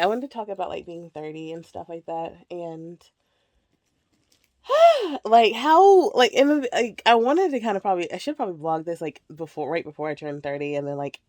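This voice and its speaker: Packing clothes in a child's bedroom, a woman in her 30s chats casually to the camera in a lowish, slightly mellow voice, a bit nasal because of a cold. She rambles, laughs often and says "like" and "um" constantly. The sound is clean and studio-like, with no room sound.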